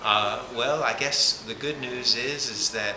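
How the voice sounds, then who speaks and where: A man being interviewed, telling his story in a plain, relaxed way. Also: mid-range voice, measured pace. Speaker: interviewee, sailor. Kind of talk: casual interview. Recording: echoey room, loud party noise.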